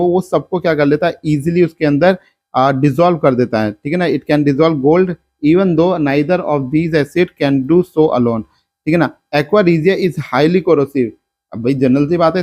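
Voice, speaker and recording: A man's voice: on the high side, darkish tone. A male science teacher from India giving a lecture, asking and answering his own questions step by step. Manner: explains step by step, asks and answers his own questions, mixes in English terms. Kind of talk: classroom lecture.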